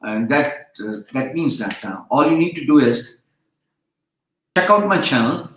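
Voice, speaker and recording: An online freelancing instructor whose first language is Urdu gives a casual live-stream lecture in an echoey room. His medium-pitched, slightly bright voice is animated and a little slow. He rambles and chats, full of fillers and restarts.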